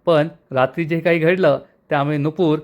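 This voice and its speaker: A man narrating a recap of a TV serial episode in a steady storytelling way. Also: a little high, normal speed, highs cut off.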